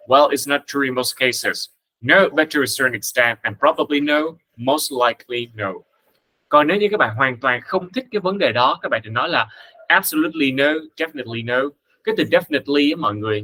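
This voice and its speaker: A man, a native Vietnamese speaker, teaching an English lesson, reading model phrases slowly and carefully between quick explanations. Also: medium pitch, sharp tone, rough recording. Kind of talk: casual spoken lesson.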